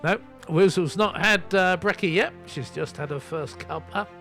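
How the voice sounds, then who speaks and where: A radio host and DJ presents a soul music show in a casual, chatty way, poking fun at himself as he reads out record details. His slightly high voice is bright and forceful at a normal speed, with some music playing behind him.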